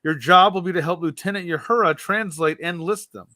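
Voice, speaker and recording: A man's voice: high voice, fairly quick, bright, forceful tone, no echo, clean studio sound. A man reading the lines of a stern male starship captain aloud from a book. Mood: businesslike.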